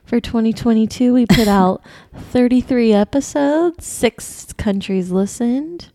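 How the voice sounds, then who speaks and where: A woman's voice: fairly high pitch, unhurried, mellow, no room sound. A woman co-hosting a podcast, giving blunt, short replies in casual chat. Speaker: podcast co-host.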